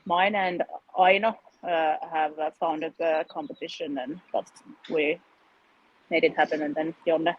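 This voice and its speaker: A woman from Finland, a guest explaining a competition she founded, halting with fillers and laughing often. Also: low voice, fairly even intonation, muffled recording. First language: Finnish. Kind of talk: casual interview chat.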